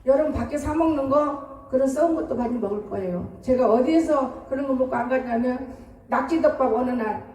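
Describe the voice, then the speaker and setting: A woman's voice: high-pitched, brisk, a little mellow. An older woman pastor giving a sermon in a homey, storytelling way, acting out family conversations. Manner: colloquial storytelling, acts out family dialogue. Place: church sanctuary. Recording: echoey church hall from far off.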